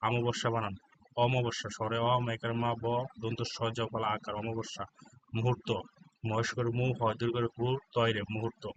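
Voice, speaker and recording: A man with a Bangladeshi Bengali accent, working as an exam prep tutor and reading out exam answers in a monotone, dictating spellings letter by letter. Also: mid-range voice, brisk, muffled recording, noisy background.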